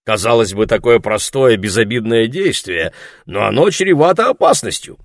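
A man's voice: medium pitch, expressive, normal speed, no echo, studio quality, natural voice. A man reading aloud voices a pompous young man complaining indignantly. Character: pompous, peevish young man, older brother.

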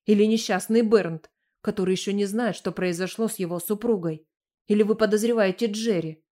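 A woman doing a stern, forceful diplomat. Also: medium pitch, steady tone, normal speed, close to an everyday voice. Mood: incredulous. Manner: insistent, stern. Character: stern French diplomat, brisk, forceful man.

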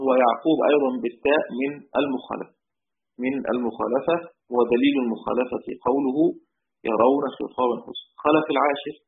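A man with an Egyptian accent teaches Quran readings in a steady mid-range voice. He slowly chants quoted lines and repeats key words for his students. The sound is thin and phone-like. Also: medium pitch. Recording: tinny phone-like recording.

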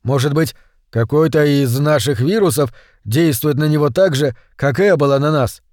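A man's voice: fairly high pitch, moderate pace, darkish tone, no room sound, studio quality, lightly acted. A man reading the lines of a practical man who offers suggestions during a crisis in an audiobook. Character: adult man, practical and speculating.

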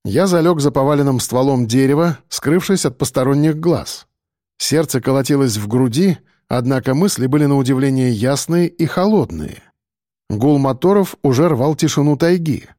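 Dark-voiced male audiobook narrator. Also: mid-range voice, moderate pace, no echo, studio quality. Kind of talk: scripted first-person narration.

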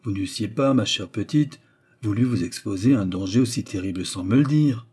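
A man's voice: fairly low pitch, fairly quick, a little mellow, breathy edge. A man reading aloud and voicing a scheming, persuasive noblewoman who frightens her young companion with feigned sweetness. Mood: menacing, persuasive. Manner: insistent, menacing, feigned sweetness. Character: scheming, persuasive noblewoman adventuress, middle-aged.

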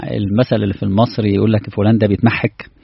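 Fast-talking Egyptian preacher, husky voice. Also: male voice, lowish voice, flat delivery, dull audio. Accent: Egyptian Arabic. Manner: earnest, asks the audience rhetorical questions. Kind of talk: conversational sermon.

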